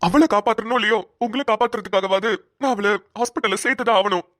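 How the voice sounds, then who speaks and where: A woman's voice: medium pitch, fast, fairly bright tone, no echo, studio quality, natural voice. A woman voicing an earnest, protective young male police officer in a cartoon, talking urgently and stammering at times. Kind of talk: cartoon voice acting.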